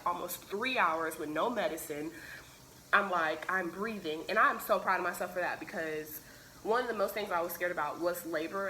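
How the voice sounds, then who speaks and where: Woman vlogger with a lowish, bright, tense voice, telling her story in a chatty, emotional way at home. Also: slight background noise, poor audio. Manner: emotional, chatty, many "like" and "literally" fillers. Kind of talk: casual personal storytelling.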